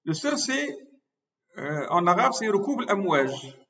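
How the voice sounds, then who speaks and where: A male professor giving a recorded lecture, slowly repeating and spelling out terms. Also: high-pitched, sing-song, pushed and bright. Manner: slow, repeats words and spells them out syllable by syllable. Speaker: medical school professor. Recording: distant mic, dull lo-fi sound.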